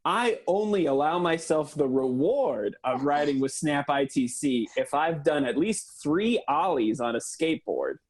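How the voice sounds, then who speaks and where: A man doing an earnest, deadpan mock lecture for a comedy podcast, with lots of hesitant fillers. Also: a little high, measured pace, hardly any pauses.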